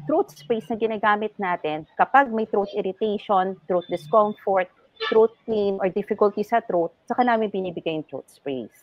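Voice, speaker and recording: A woman's voice: mid-range voice, moderate pace, dry recording, lo-fi sound. A woman ENT doctor, a guest on a health talk show, explaining things patiently in a mix of English and Tagalog.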